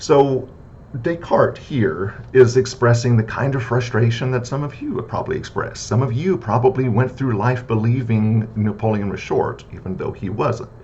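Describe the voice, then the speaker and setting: A man lecturing on philosophy in a casual, conversational way, often checking in with "right?" and filling pauses with "uh". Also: a little mellow. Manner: conversational, frequent "right?" and "uh" fillers; repetitive list-like debunking of myths. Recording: slightly dull lo-fi audio with faint rumble.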